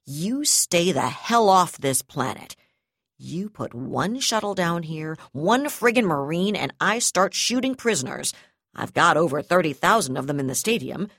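A woman's voice: lowish voice, lively intonation, moderate pace, fairly bright tone, no echo, studio quality. A woman reading an audiobook, voicing a brutal, cornered female gendarme brigadier who hurls profane threats. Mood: defiant, threatening.

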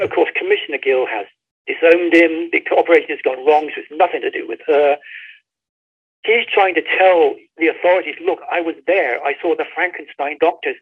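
Over a tinny phone line on a remote call, a guest author explains a story with emphatic, conversational storytelling. His voice is a little high with a breathy edge, and he acts out the quoted dialogue.

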